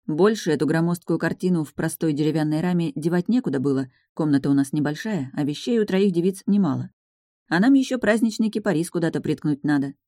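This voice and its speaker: A woman narrating a first-person audiobook in an even storytelling manner. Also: low voice, fast talker, no echo, studio quality.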